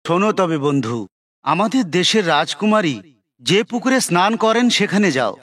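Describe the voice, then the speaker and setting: Sly scheming jackal for a kids' cartoon, coaxing; high and very lively. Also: male voice, normal speed, full character voice. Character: clever scheming male jackal, friendly adviser.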